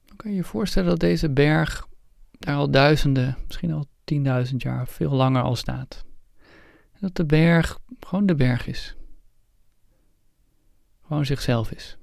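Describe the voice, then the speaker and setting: A man leading a guided meditation, speaking calmly and gently in unhurried, spaced-out phrases. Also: mid-range voice, dry recording, studio quality. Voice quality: creaky, gravelly fry. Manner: calm, unhurried, gentle instructing with pauses. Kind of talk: guided meditation, slow visualisation narration.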